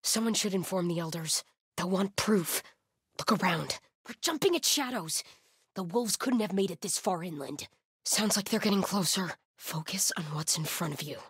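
These video game combat lines come from an actress voicing a stern, zealous, devout cult soldier. Her lowish voice is expressive and breathy-edged at a moderate pace, heavily acted, in clean studio sound with no room sound. The mood stays grim and hushed, shifting between solemn muttering and shouted alarms.

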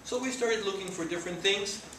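His voice is high, brisk, pushed and bright: a Mexican man in his forties, Spanish-speaking by birth, delivering an earnest guest talk to students in a lecture room while gesturing. The Mexican accent comes through on a noisy, echoey recording from a distant camera mic.

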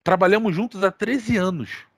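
Brazilian guy on a gaming podcast, chatty and slangy, bit high pitched, super dry close mic. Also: normal speed, slightly rough, no room sound. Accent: Brazilian Portuguese. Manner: animated, talks with slang and swearing. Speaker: podcast co-host. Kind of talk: casual storytelling chat.

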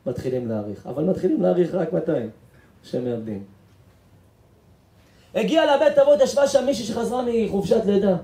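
Man, rabbi, high voice, mellow tone, emotional storytelling sermon, acts out characters, echoey room. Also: big pitch swings. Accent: Israeli Hebrew. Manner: acts out characters in the story, swinging from hushed to shouting. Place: synagogue or event hall.

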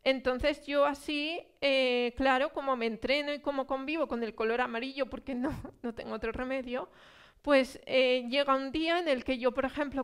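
Chatty Spanish woman lecturing, high voice. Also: clean tone. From Spain. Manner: conversational, many fillers and rhetorical questions. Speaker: author giving a talk. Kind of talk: public lecture. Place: cultural centre hall.

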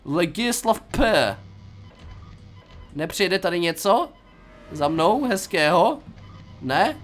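Man, young adult, Czech accent, gameplay commentary, playful, high voice, faint background music. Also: big pitch swings. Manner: playful, jokey, talks to himself while playing. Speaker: gaming YouTuber.

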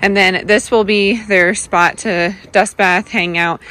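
Holding her phone at arm's length, this young adult vlogger from the United States talks to camera about family life in a chatty, upbeat way full of filler words. Her mid-range voice is fairly even and slow, with a sharp tone and slight background noise, as she moves from an indoor room to a snowy backyard.

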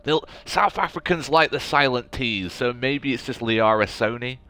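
A man with a bright, clear, mid-pitched voice doing casual live game commentary. He rambles playfully and teases as he answers his chat. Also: moderate pace, no room sound. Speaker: game streamer.

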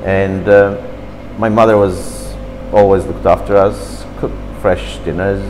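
Low and slow, the voice belongs to a man in his fifties from Turkey who animatedly reminisces about his youth in slightly broken English, gesturing as he talks at a café table indoors. A camera across the table records the interview in low quality, with big-room sound and slight background noise.

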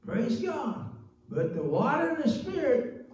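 An older man delivers a slow, folksy sermon into a handheld mic in a small church. His voice sits high yet mellow. The sound is very echoey and a bit distant, as if caught from across the sanctuary. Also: sing-song. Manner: folksy, chatty preaching with frequent "praise God" and laughs. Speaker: preacher. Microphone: handheld microphone.

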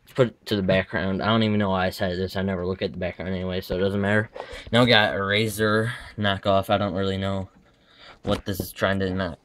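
This teen has a deep voice, speaking fast and flatly with a bit of brightness, over slight background noise. Wearing a retainer that gives him a mild lisp, he casually walks a handheld camera through his bedroom gaming setup, drifting and tossing in self-corrections.

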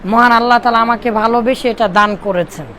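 A man's voice: very high voice, steady tone, a little fast, sharp tone, slight background noise. A man from Bangladesh teaching Arabic grammar to a classroom of pupils, drilling and repeating phrases for them to echo.

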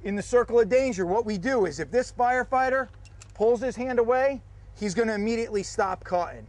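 A fire service instructor with a very high-pitched, brisk voice gives a step-by-step demonstration of a forcible entry technique to firefighters at an outdoor training prop. The recording has no echo.

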